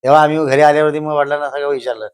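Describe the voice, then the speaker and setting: An older man, telling stories at a slow pace and repeating phrases for emphasis. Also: a little high, fairly even intonation, clear, resonant tone. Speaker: guest, host's father. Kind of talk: casual storytelling.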